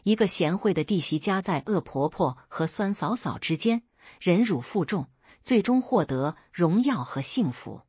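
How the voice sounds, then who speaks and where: A woman storyteller reading a folk tale as steady, expressive scripted narration on a dull, dry recording. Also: on the low side, moderate pace, breathy edge, dry recording.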